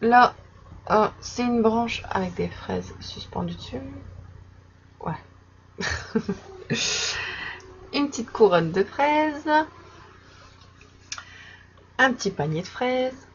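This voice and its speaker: A woman's voice: fairly high pitch, lively intonation, slow pace, pauses often. Chatty young woman showing stickers. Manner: chatty, many fillers, soft laughs. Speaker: vlogger. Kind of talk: casual haul vlog. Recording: slightly dull recording with faint background noise.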